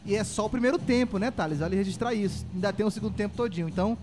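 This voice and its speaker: A man's voice: sits high, very fast, background noise. A Brazilian man giving conversational analysis as a football co-commentator during a live match.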